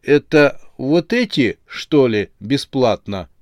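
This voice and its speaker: A man's voice: medium pitch, expressive, no echo, studio quality. Max, a man doing a timid hesitant hero. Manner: hesitant, slow, unsure.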